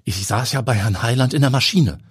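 A man voicing a nervous young woman, a police colleague, who pleads in a shrill, panicky way. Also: fairly quick, husky, no echo, studio quality. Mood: relieved. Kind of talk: audiobook character voice.

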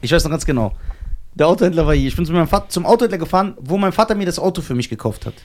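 Man, podcast host, casual storytelling, slangy, rather high voice, very lively pitch. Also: rapid-fire.

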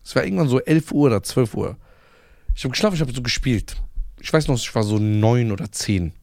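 A man's voice: mid-range voice, expressive, fairly quick, gravelly, darkish tone, no room sound, clean studio sound. A young man co-hosting a casual chat, teasing his friend and swearing that his own story is true.

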